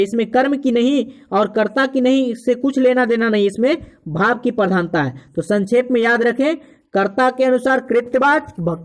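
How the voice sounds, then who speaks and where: A man teaching an exam-prep grammar lesson, explaining step by step with examples and checking in with the students. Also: extremely high pitch.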